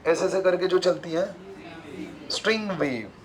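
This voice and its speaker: A man's voice: sits high, animated, measured pace, slight background noise, rough recording. A man teaching a physics class, constantly asking his students questions and repeating the key terms. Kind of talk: classroom lecture.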